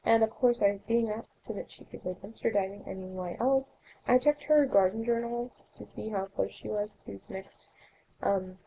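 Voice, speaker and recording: Raspy young woman narrating gameplay. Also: mid-range voice, fairly even intonation, moderate pace, narrow, tinny audio, a little hiss or hum. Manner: chatty, rambling, self-correcting. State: coughing, sore throat. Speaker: let's play host.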